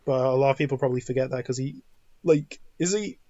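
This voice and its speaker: A man's voice: mid-range voice, quick pace, dark tone, muffled recording, a little hiss or hum. A man co-hosting a podcast in casual chat, rambling and restarting his sentences often. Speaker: podcast co-host.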